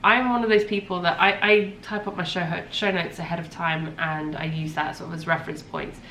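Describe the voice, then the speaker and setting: Here a podcast host in her thirties talks fairly quickly in a lowish, sharp-toned voice with fairly even intonation. Congested a little from a cold, she rambles in casual chat, peppered with ums and self-corrections. There's echo and faint ambient noise in the room.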